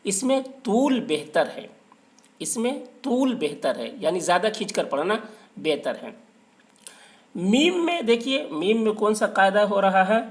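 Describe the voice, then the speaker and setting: Man, high voice, recitation teacher, patient, repetitive, drawn-out letters. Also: very animated. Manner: explains patiently, repeats letters slowly and drawn out. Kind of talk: step-by-step tajweed lesson.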